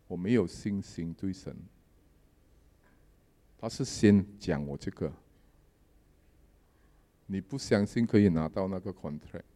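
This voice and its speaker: A man giving a sermon testimony, telling his dreams in a lively storytelling manner with English words mixed in. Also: medium pitch. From Malaysia. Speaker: lay preacher.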